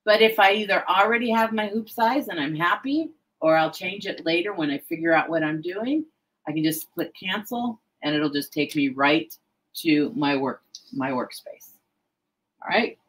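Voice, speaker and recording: A middle-aged woman, an embroidery software educator, walking through a tutorial in a chatty, self-deprecating way with frequent fillers. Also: fairly low pitch, lively intonation, normal speed, rough recording.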